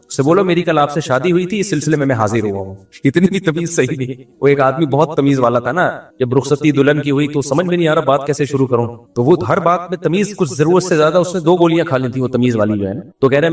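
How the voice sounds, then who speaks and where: An Islamic scholar gives a religious lecture full of humorous anecdotes, his higher-pitched voice captured by a distant mic in a roomy space. He preaches with animated, lively storytelling, acting out voices in quoted dialogue.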